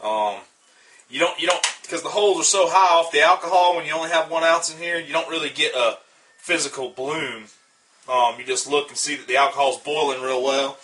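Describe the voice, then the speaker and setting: Bright-toned Southern man, rambling. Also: fairly high pitch, brisk, slight background noise. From Southern United States. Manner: relaxed and rambling, with frequent uh and um fillers. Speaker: outdoor gear hobbyist demonstrating a stove. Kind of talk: casual how-to demonstration.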